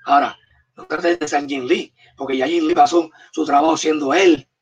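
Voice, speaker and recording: A comics artist with a Puerto Rican Spanish accent tells stories in a casual interview, handing out emphatic, punchy advice in short commands. His voice is fairly high, husky and steady, at a normal pace. The mic sounds distant, dull and muffled.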